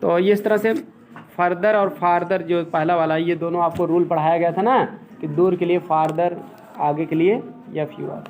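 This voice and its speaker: A man walks through a grammar lesson. He explains step by step and keeps pausing to check that his students are following. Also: high-pitched, steady tone, a little mellow, a little hiss or hum. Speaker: English teacher.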